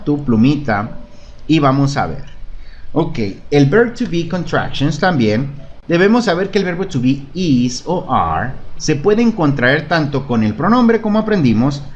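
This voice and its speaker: Teaching beginners English through Spanish in an online lesson, a man with a fairly high voice models phrases for repetition and patiently checks understanding with "¿De acuerdo?". The highs are cut off and there's a little hiss or hum.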